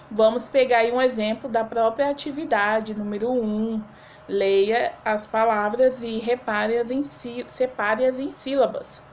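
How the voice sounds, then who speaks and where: A Brazilian woman teacher giving a remote lesson to young pupils, affectionate and slow, spelling words out syllable by syllable. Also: fairly high pitch, a little hiss or hum. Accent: Brazilian Portuguese. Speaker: schoolteacher. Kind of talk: remote class lesson for children.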